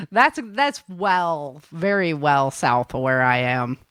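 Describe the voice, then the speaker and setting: A woman who produces audio drama hosts a casual chat, talkative and giggly, laughing often and acting out little quotes. Her low voice has lively intonation and a fairly bright, smooth tone, and she speaks extremely slowly in clean studio sound with no room noise.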